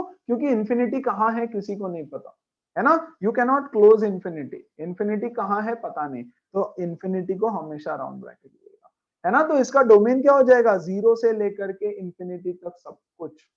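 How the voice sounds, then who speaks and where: A man's voice: high-pitched, dull audio. A man teaching a maths class as a lecture, emphatic, repeating key points and checking in with his students. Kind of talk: classroom lecture mixing Hindi and English.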